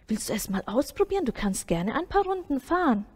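Woman playing a bouncy proud kid showing off, way higher than her normal voice. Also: big pitch swings, fairly quick, slightly rough, heavily acted. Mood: eager.

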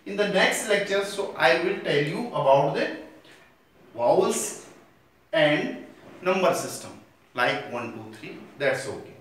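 A man's voice: on the high side, lively intonation, fairly bright tone, recorded from a distance. Man lecturing in an echoey room. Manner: switches between slow, deliberate English and fast Hindi explanation. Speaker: language teacher. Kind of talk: classroom lecture.

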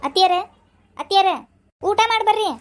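A woman's voice: extremely high pitch, level tone, moderate pace. A woman voicing a dutiful young daughter-in-law in a cartoon, chattering and pleading with a North Karnataka accent. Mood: chatty pleading. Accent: North Karnataka Kannada.

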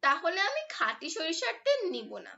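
A woman's voice: extremely high pitch, huge pitch swings, moderate pace, pushed and bright, dull audio, heavily acted. A woman voicing a stubborn little child who whines and insists, in a children's storybook reading. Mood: whiny. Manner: whiny, insistent.

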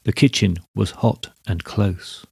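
A man narrates a classic story in a steady, measured reading. His voice is gravelly and husky, at a middle pitch. The recording is close and dry. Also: no echo. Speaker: podcast host reading a story.

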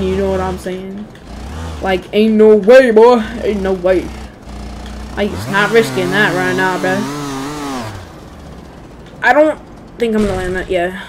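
Brief: excitable gamer woman, slangy play-by-play, mid-pitched voice, loud game engine noise under it. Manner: excitable, slangy, quick exclamations. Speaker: gaming channel host. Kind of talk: casual gameplay commentary. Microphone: gaming headset.

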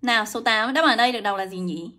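A young woman runs a live English lesson. Her voice is bright and a little high, and she talks in a brisk, coaxing way. She keeps calling out to her viewers by name as she goes. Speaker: English teacher. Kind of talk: livestream lesson.

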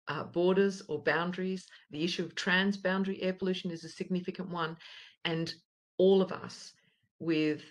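A woman on a video call giving formal conference remarks in a measured, earnest way, with the odd hesitation. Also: low voice. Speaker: conference speaker.

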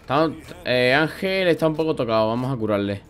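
A young man from Spain with a Spanish accent and a sore throat, commentating a video game casually, swearing often and bursting into loud shouts. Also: medium pitch, animated, a little fast. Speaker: gaming YouTuber. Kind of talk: let's play commentary.

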